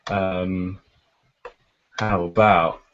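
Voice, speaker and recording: Low-voiced guy reading poems deadpan on a charity stream, kinda muffled lo-fi sound. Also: drawn-out words, faint music behind. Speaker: poet and host. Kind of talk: poetry reading and casual chat.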